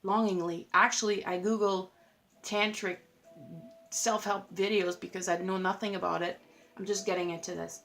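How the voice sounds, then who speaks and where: A woman's voice: mid-range voice, fairly even intonation, moderate pace, a bit bright. A woman giving a casual tarot reading to her viewers, chatty and effusive, filling her talk with "like" and laughing at herself. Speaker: tarot reader.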